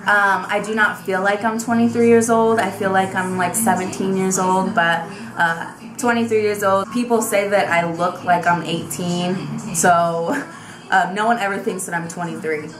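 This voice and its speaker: This is a beauty vlogger in her twenties making a tag video in a small bedroom with a vanity, chatting animatedly to camera with many fillers. Her medium-pitched voice holds a steady tone at normal speed, reverberant, over background music.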